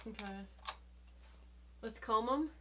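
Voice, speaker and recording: A woman's voice: on the high side, takes it slowly, fairly bright tone. A middle-aged woman chatting casually on a vlog in a giggly, flustered manner. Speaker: mother giving a makeover challenge. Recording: clear background noise.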